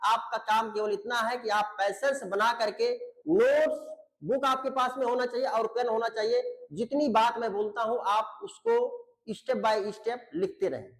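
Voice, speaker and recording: A man's voice: extremely high pitch, fairly even intonation, moderate pace, fairly bright tone, roomy sound. A man teaching English grammar in an online video lecture. He explains patiently, repeats his points, checks that students follow, and calls them beta and babu.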